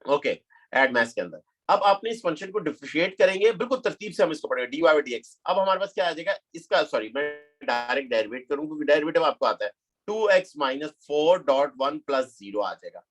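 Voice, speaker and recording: A man's voice: fairly high pitch, expressive, fairly quick, a bit bright. Male math teacher lecturing. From Pakistan. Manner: explains step by step, mixes English terms, asks "clear?". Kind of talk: classroom lecture.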